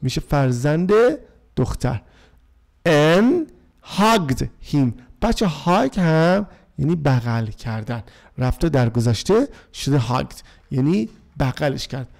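Persian-accented male English teacher, fairly high, lively voice with gravel, slow careful reading, translating for kids. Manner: reads English lines slowly, then translates; addresses the class as kids. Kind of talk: explaining textbook vocabulary to students.

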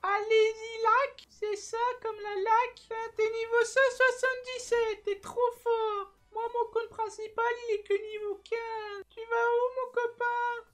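A man's voice: very high voice, unhurried, hardly any pauses. A man putting on the voice of a small boy who whines, begs and squeals in an online game chat, as a prank. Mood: timid. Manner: childish, whining, excited squeals. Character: little boy gamer, whiny, crybaby.

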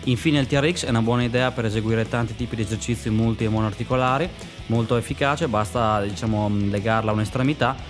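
A young man, a personal trainer, explaining home gym equipment straight to camera in a bright studio, gesturing as he talks. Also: mid-range voice, steady tone, music in the background. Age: young adult. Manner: brisk, explanatory, gestures with hand. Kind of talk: direct-to-camera fitness tutorial.

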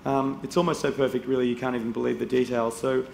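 A man moderating a conference panel, relaxed and chatty as he reads out a prepared introduction. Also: medium pitch, fast talker, vocal fry. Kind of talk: moderating a panel, reading a guest bio. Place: indoor conference stage. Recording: roomy hall with faint noise.

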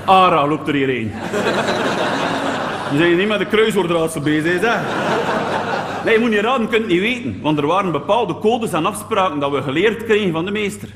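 Flemish male comic, schoolteacher persona, high and animated, chatty digressions. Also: a little fast, pauses often, over a noisy crowd. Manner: animated and digressive, peppers talk with tag questions. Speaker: schoolteacher character on stage. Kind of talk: stand-up comedy monologue.

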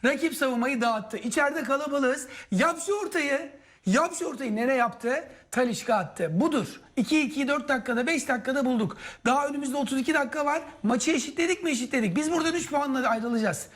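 A man's voice: very high-pitched, fast, few pauses, a bit bright. Man, football co-commentator, partisan, impassioned, short repeated urgings, live match delivery. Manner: impassioned, urges players on with short repeated exclamations.

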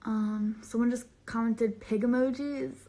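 A young woman with a slightly high, dark voice, fairly even intonation and measured pace livestreams from her small bedroom as a social media creator. She reads viewer comments aloud in a bubbly, playful, rambling, slangy way, filmed on a phone camera at arm's length.

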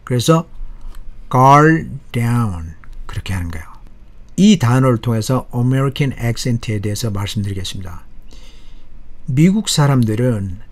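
A man teaching English expressions from a news article, explaining slowly and drawing out example phrases. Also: medium pitch, animated, a little mellow.

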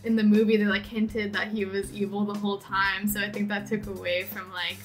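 A woman's voice: mid-range voice, little pitch movement, a little fast, faint music behind. A woman on a round-table panel, chatting casually with lots of "like". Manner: casual, heavy use of "like".

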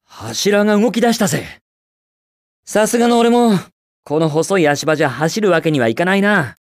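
A man with a high voice and big pitch swings speaks at normal speed in studio-quality audio with no room sound. He's delivering Japanese video game voice lines as a cocky, carefree young hedgehog speedster hero, sounding cool, brash and quippy.

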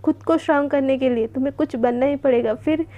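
A woman voicing a protective single mother who speaks gently and earnestly to her daughter. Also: high voice, fast talker, phone-quality sound, lightly acted.

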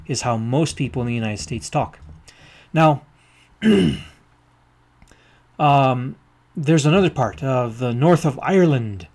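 A man lectures on geography while marking up a map. His voice sits at an ordinary middle pitch. He pauses often with ums and uhs and restarts his sentences. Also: a little mellow. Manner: halting, many ums and uhs, pointing at a map with a pen. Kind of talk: recorded lecture over maps.

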